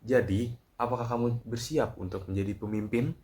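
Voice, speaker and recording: A man's voice: mid-range voice, steady tone, moderate pace, darkish tone. A young man giving a composed, scripted narration for a training video. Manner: composed, read-aloud delivery.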